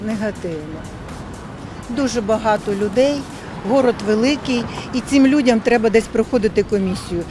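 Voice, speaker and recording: An older woman on a park street lays out her objection firmly, point by point. She speaks into a reporter's handheld mic. A clear music bed runs under her voice. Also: fairly high pitch, animated, moderate pace. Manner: firm, reasoning point by point. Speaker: passer-by in street interview.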